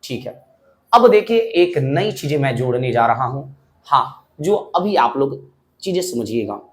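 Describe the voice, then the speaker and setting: A man teaching English grammar in a lecture, explaining step by step and often asking the class if it is clear. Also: mid-range voice, unhurried. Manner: lively explaining, asks frequent checking questions.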